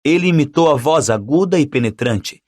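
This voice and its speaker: Man reading an audiobook, animated storyteller, kinda high voice. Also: moderate pace. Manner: expressive, dramatic reading. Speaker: audiobook narrator. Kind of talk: scripted audiobook narration.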